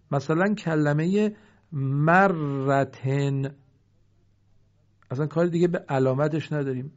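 Explaining how to pause in Quran recitation, a man stretches each example word out slowly, poses the question of what it turns into, and supplies the answer himself. His voice is fairly high and darkish, and the sound is lo-fi.

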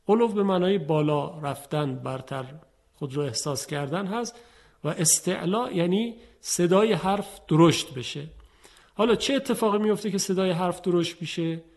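A man teaching tajweed, explaining and slowly drawing out Arabic letters, speaking politely and formally to viewers. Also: fairly high pitch, a little mellow. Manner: slow, drawn-out demonstration of letters. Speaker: Quran recitation teacher. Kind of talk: teaching Quranic tajweed pronunciation.

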